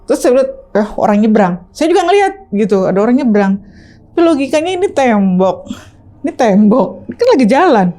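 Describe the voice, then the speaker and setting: A woman guest telling her own story in a chatty, animated, casual way, tagging her sentences with fillers. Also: a little high, fairly quick. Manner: chatty, animated, tags lines with "gitu". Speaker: ride-hailing driver, interview guest. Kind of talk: casual first-person storytelling.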